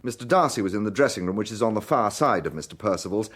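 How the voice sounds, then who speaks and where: An actor playing a courteous, probing British police inspector in a radio detective drama, questioning in a measured, polite manner. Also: male voice, fairly low pitch, animated, fairly bright tone, breathy edge.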